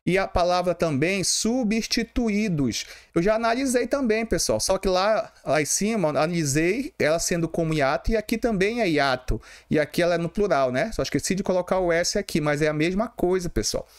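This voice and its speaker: A man's voice: high voice, animated, normal speed, few pauses. A man with a Brazilian Portuguese accent teaching students, talking to them directly and answering his own questions while sounding out words syllable by syllable. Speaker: Portuguese teacher for exam prep. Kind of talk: explaining exam questions.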